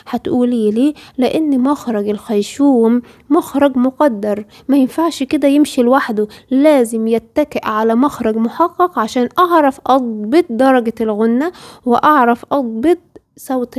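A woman's voice: on the high side, a little mellow. A woman with an Egyptian Arabic accent teaching tajweed, explaining patiently and asking her female student rhetorical questions. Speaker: Quran recitation teacher. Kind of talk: tajweed lesson.

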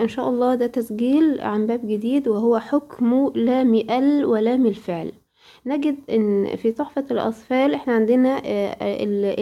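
A woman's voice: on the high side, mellow. A woman with an Egyptian accent, teaching a recorded tajweed lesson and patiently repeating points to a female student. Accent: Egyptian Arabic. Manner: patient and repetitive, addressing a female student directly. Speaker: Quran recitation teacher.

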